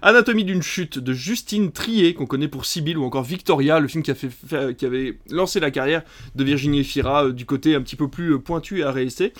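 A man's voice: a little high, brisk, fairly bright tone. A man hosting a casual film podcast, reading a long list of titles with many hesitant fillers. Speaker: podcast host.

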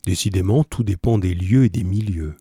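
A man reading a classic story aloud for school pupils, with an unhurried storytelling delivery. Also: deep voice, mellow, slightly rough, no room sound, clean studio sound.

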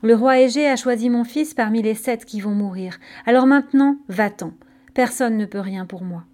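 Woman reading as grieving mother, bitter, angry, spitting words, storybook, mellow voice. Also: fairly high pitch, moderate pace, natural voice.

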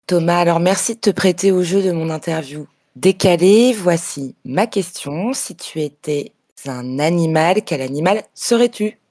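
A woman's voice: on the low side, moderate pace, hardly any pauses, a little mellow, natural voice. A woman playing a pushy, self-important field reporter who keeps pressing her questions in a comedy sketch. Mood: insistent. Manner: insistent, bossy.

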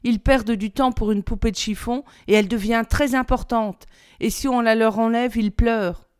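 A woman reading aloud, voicing a gentle, earnest young boy prince from another planet. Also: on the high side, steady tone, normal speed, smooth, no echo, clean studio sound, close to an everyday voice. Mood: curious. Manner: earnest, wondering.

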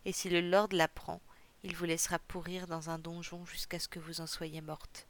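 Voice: medium pitch, level tone, moderate pace, close to an everyday voice. A storyteller voicing a hard, commanding young male heir in a read-aloud story. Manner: commanding, threatening.

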